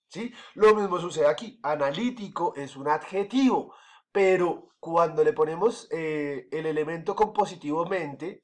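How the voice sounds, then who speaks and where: A male teacher giving a recorded grammar lesson to his class, patiently repeating each point and checking in often with the students;. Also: high-pitched. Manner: checks in often with "¿listo?" and "¿cierto?".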